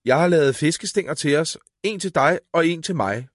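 Man doing a little boy, bossy, hot-tempered, raised pitch, storybook audiobook, dry close sound. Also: animated, no echo. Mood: eager. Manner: bossy and quick to anger.

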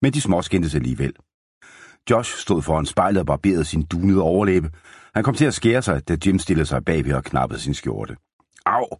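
A man narrating an audiobook in a steady storytelling manner. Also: extremely low pitch, slightly rough, no echo. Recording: dry close studio sound.

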